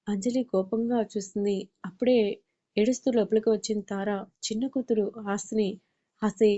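Woman narrating an audio story, mellow. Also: medium pitch. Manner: reads all characters in her own voice with small shifts. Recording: dull lo-fi recording.

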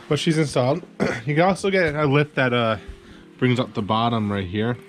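A man's voice: medium pitch, moderate pace, a little hiss or hum. A man in his thirties from Newfoundland, hosting a casual shop vlog with laid-back, joking banter in a small garage workshop. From Newfoundland, Canada. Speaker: vlog host.

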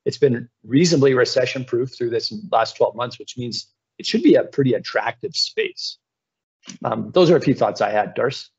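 Husky-voiced man moderating a video call. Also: medium pitch, very animated, normal speed. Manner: reflective, conversational, repeats words when starting. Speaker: panel moderator. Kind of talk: video call panel discussion. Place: indoors, home office. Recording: dull lo-fi video call audio.

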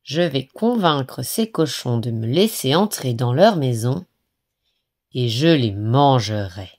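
A woman voicing a hungry, ill-tempered big bad wolf in a children's story, speaking in a low, growling, menacing voice. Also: animated, slow, darkish tone, exaggerated voice. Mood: scheming.

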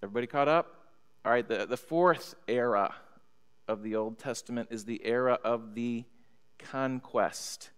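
A middle-aged American pastor teaches a Bible study from the pulpit of a church sanctuary, reading scripture aloud and checking in with listeners in a teacherly way. His mid-range voice is smooth and fairly bright at a normal speed, picked up by a stand mic on the pulpit and a distant camera, with long church-hall reverb.

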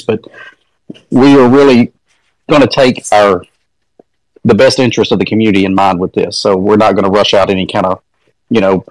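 A man's voice: on the low side, dry recording, poor audio. A man from a meme coin team talking easygoing and informal in a casual online audio chat.

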